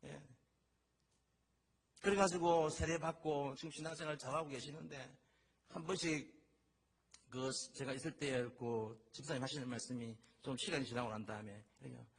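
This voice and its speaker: Speaking at a normal speed with medium pitch, a middle-aged man preaches as pastor, animating his stories and performing the voices he quotes.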